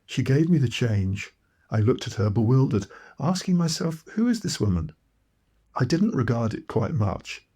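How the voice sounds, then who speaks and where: A man narrates his own story as an audiobook. His voice is husky and mid-pitched, and his delivery is earnest and reflective. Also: animated, normal speed, warm tone. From Malawi. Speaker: author and narrator.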